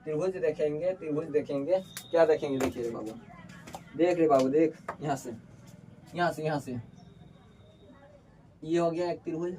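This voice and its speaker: Calling his students "babu" in a colloquial style, a teacher from Bihar poses questions during a board-exam lesson and answers them himself. His dark-toned voice sits on the high side at normal speed, with long pauses. The recording comes from a distant mic with faint background noise.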